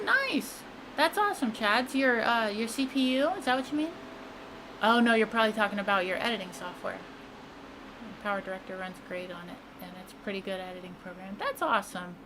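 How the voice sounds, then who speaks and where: A young woman streams a racing sim from her home setup, talking casually at a steady middle pitch while she drives. She reads viewer messages and answers them on the fly. A faint hum of noise sits under her desk-mic voice. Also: fairly quick. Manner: chatty, reads and answers chat mid-race.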